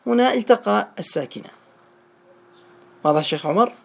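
A male teacher speaks quickly through a gravelly, creaky voice. He is patient with his students. He keeps asking questions to check that they follow. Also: high voice, animated. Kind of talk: teaching a small online class.

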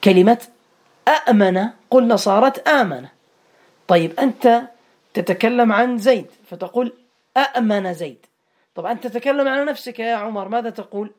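A man's voice: very high voice, normal speed. A man teaching an Arabic grammar lesson online, quizzing students by name and repeating words for them.

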